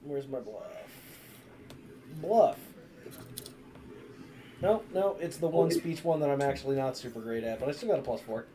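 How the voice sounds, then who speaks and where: Young man, player, laid-back, crude joking, faint noise behind. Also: medium pitch. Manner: laid-back, crude, slowing to think aloud. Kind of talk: casual tabletop game chat.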